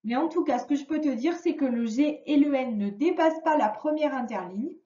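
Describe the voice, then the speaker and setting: A woman teaching a young child to read in a remote lesson, giving patient, clearly articulated instructions. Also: high voice, a little fast, mellow. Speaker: primary school teacher. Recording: roomy, distant, dull lo-fi sound.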